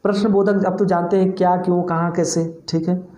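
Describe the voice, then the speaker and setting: A man's voice: high voice, level tone, fairly quick, mellow, echoey room. A male teacher giving an exam-prep grammar lesson, explaining step by step and asking and answering his own questions.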